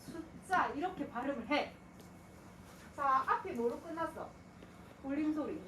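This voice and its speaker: A woman lectures on grammar in a high, animated voice, firing questions at her students and then answering them herself. She sounds a little distant from the mic, in an echoey room. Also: moderate pace, heavy background noise. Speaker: Korean grammar teacher.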